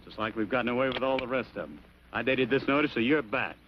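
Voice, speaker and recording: An actor playing a sly, greedy claim-jumping prospector in a vintage television western. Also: male voice, mid-range voice, fast talker, close to an everyday voice. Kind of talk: 1950s TV western acting. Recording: muffled, noisy vintage TV soundtrack.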